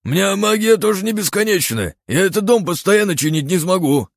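A man voicing a grumpy, irritable male house spirit who yells in a shrill, gravelly voice, as in an audiobook. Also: lively intonation, fairly quick, no room sound, clean studio sound. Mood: grumbling. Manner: shrill angry shouting. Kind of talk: audiobook character voice.

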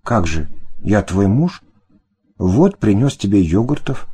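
A man's voice: fairly low pitch, very animated, a little slow, warm tone, slightly rough, heavily acted. A man voicing a hypocritical husband who talks in an ingratiating, whining way in an audiobook. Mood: fawning.

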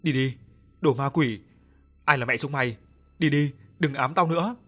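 A man voicing a terrified young woman in an audio ghost story, shouting at ghosts. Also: mid-range voice, fairly even intonation, a little fast, faint music behind, lightly acted. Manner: shouting, frightened and angry.

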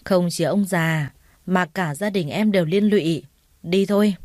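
A woman's voice: lowish voice, a little slow, a little mellow, no room sound, studio quality, lightly acted. A woman reading as a smug, leering loan shark. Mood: leering, menacing. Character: menacing male loan shark, smug and lecherous.

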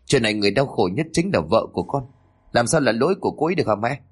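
A man voicing a devoted young husband who speaks gently and pleads, in a storybook reading. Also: mid-range voice, expressive, racing, breathy edge. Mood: upset.

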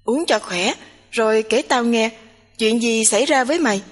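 A woman's voice: a little high, moderate pace, close to an everyday voice. A woman voicing a blunt, teasing young female roommate who nags and chatters in a storybook reading. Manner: nagging, bossy, chattering. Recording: long hall reverb.

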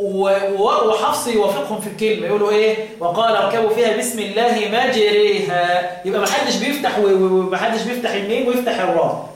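A man with an Egyptian accent teaching Quran recitation, quizzing students and drawing out recited words slowly. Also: high voice. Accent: Egyptian Arabic. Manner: drills by question, draws out recited words slowly. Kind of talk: classroom lesson with questions to students. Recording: echoey room, voice from far off mic.

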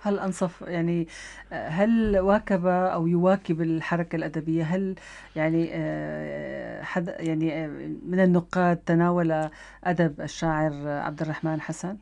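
Woman, interviewer, Syrian Arabic accent, slightly low pitch. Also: fairly even intonation, normal speed, gravelly, a little mellow, muffled recording. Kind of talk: interview questioning.

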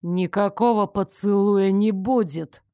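A woman's voice: medium pitch, unhurried, warm tone, dry recording, studio quality, lightly acted. A woman reading the part of a firm, slyly mocking young man in an audiobook.

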